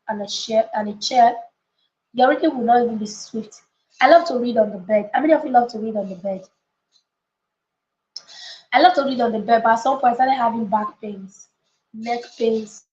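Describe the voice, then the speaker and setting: This higher-pitched, slightly mellow woman coaches from an echoey room, with audio that is lo-fi and a bit dull. She's a coach and book club leader running a live session of motivational teaching mixed with casual talk to viewers. Her delivery is emphatic, and she repeats phrases and checks in with the people listening.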